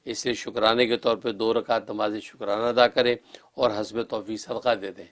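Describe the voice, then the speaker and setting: A man interpreting callers' dreams on a religious call-in show, calm and advising in a set, formulaic way. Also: fairly low pitch.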